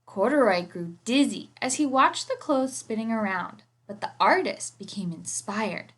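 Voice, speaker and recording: A woman's voice: a little high, animated, measured pace, a bit bright. A woman reading a children's storybook aloud expressively, like a teacher.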